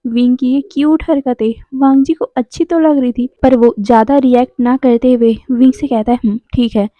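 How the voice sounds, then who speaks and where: A woman narrating a story retelling in a chatty, expressive way. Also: high voice, normal speed, dry recording. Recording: dry, dull lo-fi sound.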